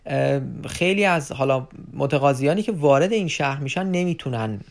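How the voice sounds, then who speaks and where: A man giving an unscripted informational talk to viewers as an advisor, addressing them as friends and pausing often on fillers. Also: a little high, animated. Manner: unscripted explaining with many filler pauses.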